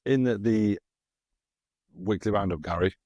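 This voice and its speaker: Man, podcast host, quiz questions, low pitch, dry room. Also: a little slow, darkish tone, husky, dry recording, highs cut off. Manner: asks quiz questions, laughs easily. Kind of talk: casual chat.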